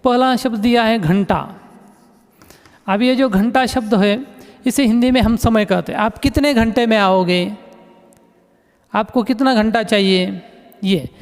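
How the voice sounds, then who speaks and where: A man's voice: high-pitched, measured pace, long pauses. A male teacher, giving a recorded class lesson and patiently repeating words as he explains them. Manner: patient, repeats words and keeps saying "look". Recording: echoey room reverb.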